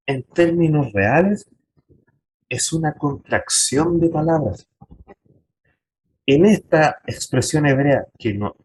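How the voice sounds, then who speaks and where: A man's voice: fairly high pitch, a little mellow, slight background noise, poor audio. A man pastor teaching a Bible class to his congregation, emphatic, turning to them with direct questions. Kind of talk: church Bible lesson.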